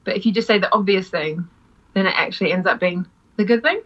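Bright-voiced woman, chatty improv teacher. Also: medium pitch, fast talker, muffled recording. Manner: chatty, laughs often, acts out quoted lines. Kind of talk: casual podcast chat.

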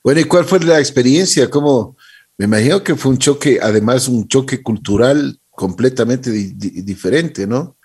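A man hosts a casual interview, drawing out his guest with curious questions. His voice has a husky edge at a middling pitch. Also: expressive, normal speed, darkish tone.

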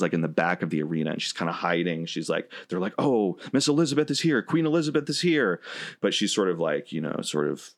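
A man in a casual podcast chat tells a long story with animation and plenty of filler words. His voice is low. He talks freely in a loose, conversational way. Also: fairly bright tone. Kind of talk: casual chat, retelling a match.

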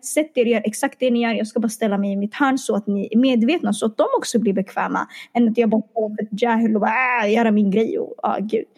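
Lively woman telling a story. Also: a little high, few pauses. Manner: animated storyteller, acts out quoted dialogue; mixes in English and Arabic phrases. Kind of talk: casual chat.

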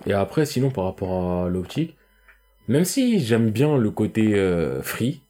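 A man's voice: on the low side, sing-song, measured pace, warm tone, faint music behind. A young man in casual, slangy podcast chat, explaining his point insistently as a co-host.

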